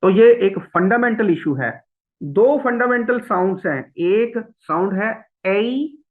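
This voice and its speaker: A man teaching an English test class, explaining slowly and repeating words for students to copy. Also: high-pitched. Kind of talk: classroom lecture. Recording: phone-like thin sound.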